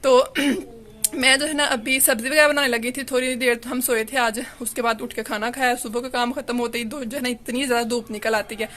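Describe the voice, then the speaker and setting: A woman's voice: on the high side, steady tone, a little fast, fairly bright tone. Chatty young woman vlogger. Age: young adult. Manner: rambling, chatty, leans on "you know" fillers. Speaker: family vlogger. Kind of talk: casual home vlog narration. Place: sunny home courtyard outdoors.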